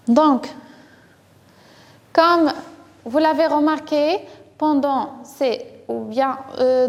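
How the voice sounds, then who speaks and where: A woman teacher with a Moroccan accent leads young children through French sounds, her high voice drawing each word out slowly and patiently. She praises often and repeats words syllable by syllable. The sound trails off in a long, hall-like reverb. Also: a little mellow. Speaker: primary school teacher. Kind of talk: first-grade French phonics lesson.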